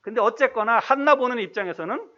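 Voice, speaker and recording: A male pastor preaching a sermon in a conversational way, asking the congregation questions and reading scripture slowly. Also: very high-pitched, expressive, muffled recording. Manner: reads scripture slowly and deliberately.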